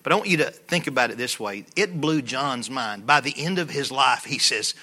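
A middle-aged man with a Southern American accent, preaching a sermon in a folksy, conversational way that rises to loud, fervent peaks. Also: mid-range voice, lively intonation, moderate pace. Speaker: pastor.

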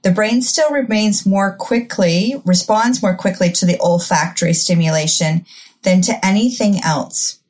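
A woman with a Midwestern accent, explaining wellness topics in a gentle, earnest, casual chat. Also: medium pitch, measured pace. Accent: Midwestern American.

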